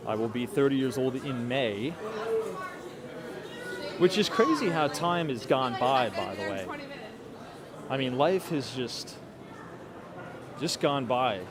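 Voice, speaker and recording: A man in his late twenties chatting casually to livestream viewers while walking outdoors on cold city streets at night, thinking aloud with fillers. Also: medium pitch. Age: 20s. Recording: street noise behind.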